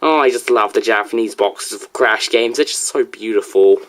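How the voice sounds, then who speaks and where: A teenage video reviewer talking casually while reacting to a video, animated and jokey, sometimes dropping to a mumble. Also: mid-range voice, moderate pace, slight background noise.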